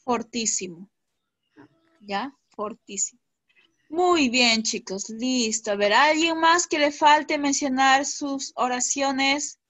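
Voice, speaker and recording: A woman teaching children over a video call. Her voice sits a little high and sounds dry and close. She speaks patiently and keeps asking whether they follow. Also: takes it slowly, few pauses, a bit bright, dry recording. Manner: patient, checks in with "¿ya?" and "¿sí?". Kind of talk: online class teaching.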